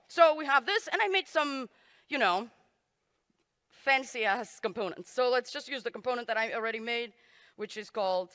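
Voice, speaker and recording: Woman conference speaker, bright tone, wry self-deprecating asides, live stage sound with long hall reverb. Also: on the high side, smooth. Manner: self-deprecating, joking asides while typing. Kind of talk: live coding talk.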